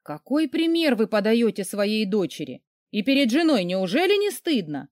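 A woman voicing a brisk, calm woman pediatrician who coaxes a grown patient like a child. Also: a little high, dry recording, clean studio sound. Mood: coaxing. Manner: soothing, coaxing as if to a child.

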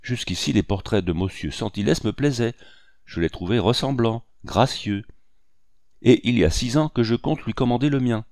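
A man's voice: medium pitch, moderate pace, a little mellow, dry recording, studio quality, lightly acted. A man voicing a nervous, tearful little woman in her forties in an audiobook, complaining in an agitated, wounded way. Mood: upset. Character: fussy, tearful little woman past forty.

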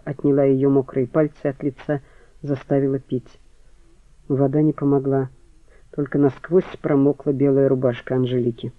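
A man reading an audiobook in scripted narration, with an even, measured delivery. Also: a little high, no room sound. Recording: phone-like, dry.

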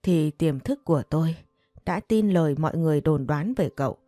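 A woman narrating a romance story in a calm, even reading voice. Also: low-pitched, a little fast, no room sound, studio quality. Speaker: audiobook narrator.

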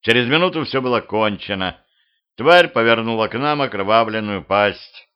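A man narrating a humorous horror audiobook in the first person, with a steady, measured reading. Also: lowish voice, smooth. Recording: muffled lo-fi home recording.

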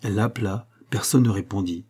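A man narrating a novel chapter in measured, scripted storytelling. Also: on the low side, warm tone, slightly rough. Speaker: audiobook narrator.

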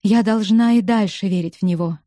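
A woman reading the part of a distraught, loyal young woman who pleads and protests, in a mellow, dark voice. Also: medium pitch, fairly quick, dry recording, clean studio sound, lightly acted. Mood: pleading. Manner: pleading, emotional.

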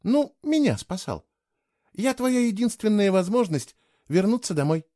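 Man putting on a cool young woman, high and dry, lots of lilt, speaking short and mocking. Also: big pitch swings, a little slow, warm tone, dry recording. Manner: curt, mocking, matter-of-fact. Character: brisk cool-headed young woman traveler.

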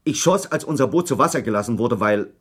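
This German radio documentary drama features a male actor as a British ship's officer testifying defensively at an inquiry, replying firmly and formally in clipped phrases with a few hesitations. His mid-range voice is animated, fast and a bit bright with a breathy edge, and his mood is guarded.

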